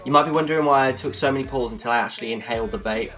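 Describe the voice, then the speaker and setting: Bloke chatting through a gadget review, jokey, mid-pitched, bit of music faint behind. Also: male voice, rapid-fire, a bit bright. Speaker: product reviewer. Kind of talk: casual product review.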